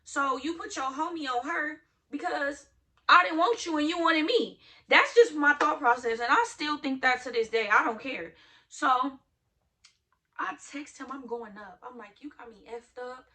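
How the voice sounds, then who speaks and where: A young woman telling a storytime vlog candidly, jumping from loud outbursts to hushed asides. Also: sits high, measured pace.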